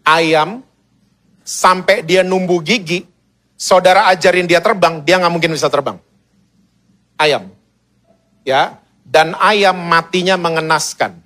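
A man's voice: a little high, slow, long pauses, fairly bright tone. A male pastor preaching a sermon as humorous, slangy storytelling.

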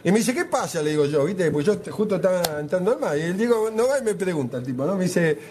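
A man telling comic anecdotes in an animated way, full of tag questions. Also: high-pitched, fast talker.

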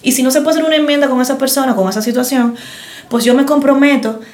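Fast-talking woman with a roomy echo. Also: sits high. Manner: animated storyteller acting out quoted dialogue. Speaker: podcast co-host. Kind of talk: casual chat.

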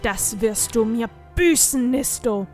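A woman's voice: fairly high pitch, expressive, slow pace, darkish tone, faint music behind. A woman voicing a mocking, vengeful male goat demon in an audiobook, with a taunting, gloating manner. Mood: furious.

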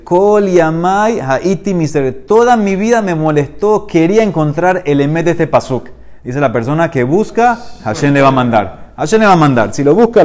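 A man teaching a Talmud class, reading Aramaic passages and explaining them in Spanish. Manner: animated, rises in pitch when stressing points.

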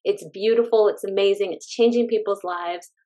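Guest: Californian woman, stay-at-home mom, heartfelt, eager, quick to laugh, mid-pitched voice. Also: fairly even intonation, mellow. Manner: heartfelt and enthusiastic, laughs often. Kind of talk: casual interview chat.

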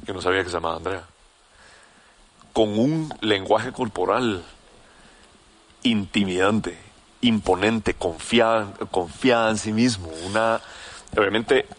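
A young man telling a story in casual, slangy chat, animated and full of restarts. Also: lowish voice, measured pace, long pauses.

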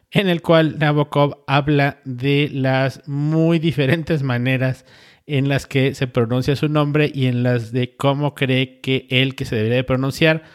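A man hosting a podcast, talking casually and rambling with frequent pauses. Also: medium pitch, clean tone. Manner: rambling, with many filler sounds and restarts. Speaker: podcast host.

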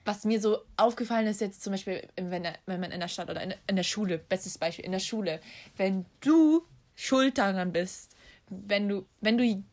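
A young woman from Germany chatting casually, relaxed and full of little fillers. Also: medium pitch, moderate pace. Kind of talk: casual chat.

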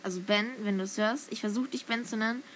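A young woman streaming a mobile game, commenting live on the play and bursting into shouts and laughter at close moments. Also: medium pitch, steady tone, quick pace, slight background noise. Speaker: gaming streamer. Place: home room with vacuum cleaner in background.

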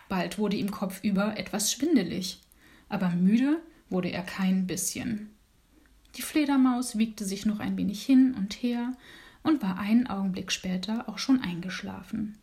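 A woman reading a bedtime story aloud, soft and hushed, often sinking to a whisper. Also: mid-range voice, a little slow, vocal fry.

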